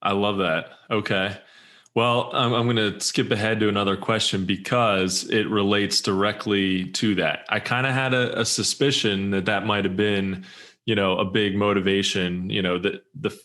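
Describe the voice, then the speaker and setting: A male podcast host with a very low voice, who asks his questions in a rambling, hesitant way and builds up to them with a lot of restarts. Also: fairly even intonation, moderate pace, fairly bright tone. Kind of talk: podcast interview.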